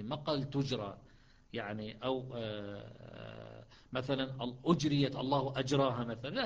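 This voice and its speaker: A man patiently teaching the variant readings of Quran recitation, explaining methodically with frequent pauses and restarts. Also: medium pitch. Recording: dull lo-fi recording.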